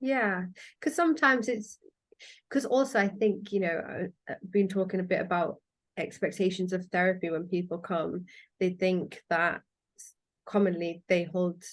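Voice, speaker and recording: Woman, psychologist guest, lowish voice, explanatory, casual podcast chat. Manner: thoughtful, explanatory, with fillers. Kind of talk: casual conversation.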